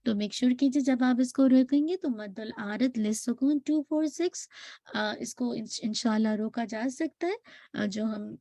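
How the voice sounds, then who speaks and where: A woman teaching Quran recitation, stretching out syllables slowly and often stopping to check that her listeners follow. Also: fairly high pitch, mellow, no room sound. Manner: patient, drawn-out modelled syllables, frequent checking questions. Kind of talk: tajweed lesson, slow modelled recitation.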